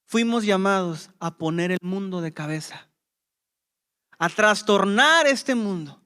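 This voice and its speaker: A man's voice: high-pitched, lively intonation, slow pace, bright, forceful tone, clean tone. A man preaching a sermon as pastor, with impassioned emphasis and rhetorical questions to the congregation.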